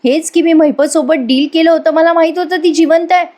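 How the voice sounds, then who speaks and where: A woman's voice: extremely high pitch, fairly even intonation, fairly quick, mellow, voice pushed up. A woman voicing an anxious, guilty young husband who pleads and snaps by turns. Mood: panicked.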